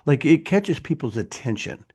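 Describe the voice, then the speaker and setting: A man's voice: a little high, very animated, normal speed, darkish tone, husky. A male podcast host chatting casually with a guest, affirming him often with murmured agreement. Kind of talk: casual interview chat.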